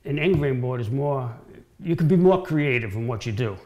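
With lively intonation at a normal speed, this man in his sixties has a mid-range, slightly mellow voice captured in lo-fi sound. He demonstrates cutting boards as a guest woodworker in a home-style indoor kitchen, casually explaining while repeating and restarting phrases.

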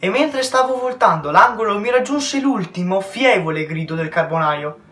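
High-voiced teenage boy reading a story. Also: expressive, moderate pace, bright, forceful tone. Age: teens. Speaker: student reader. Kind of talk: reading a novel aloud. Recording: roomy echo with faint music.

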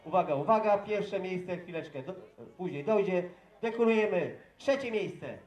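A man announcing competition results through a megaphone, calling names slowly and formally and often asking for attention. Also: sits high, lively intonation. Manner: formal, slow calls of names with repeated calls for attention. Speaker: event announcer. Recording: echoey loudspeaker sound with music behind.

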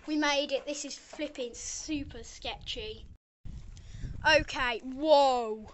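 A woman vlogging outdoors, excitable and quick to get scared, with lots of exclamations. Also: sits high. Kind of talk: casual vlog commentary. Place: outdoors on a cliff walk and at a zoo. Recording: dull lo-fi sound with wind noise outdoors.

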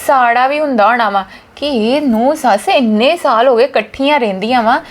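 A woman's voice: fairly high pitch, normal speed. A young woman playing a chatty, earnest daughter-in-law in a scripted family skit.

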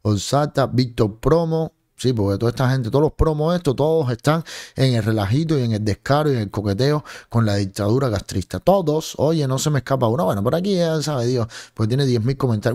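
A man's voice: medium pitch, darkish tone. Sarcastic Cuban man streaming commentary. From Cuba. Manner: mocking, sarcastic, scolding. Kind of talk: livestream commentary. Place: home streaming room with colored lights. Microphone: large studio mic on a boom in front of face.

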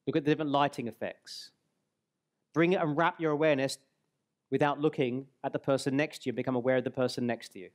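A man in his forties giving a live seminar on a hall stage into a headset mic, guiding the audience through an exercise and slowing on key words. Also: mid-range voice, fairly even intonation. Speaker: speaker and trainer.

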